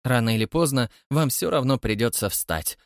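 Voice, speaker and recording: A man reading an audiobook voices a thin, prim spinster woman who speaks calmly, mildly and with quiet menace. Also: mid-range voice, moderate pace, no echo, studio quality, close to an everyday voice. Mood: calmly commanding. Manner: calm, mild, quietly menacing.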